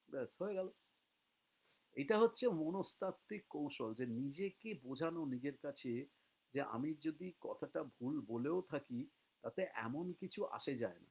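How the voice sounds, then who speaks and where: A man with a Bengali accent giving a casual online English lesson, reading English examples slowly and spelling words out letter by letter, with frequent "ah" pauses. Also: on the high side, a little mellow, husky, poor audio. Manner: frequent "ah" hesitations.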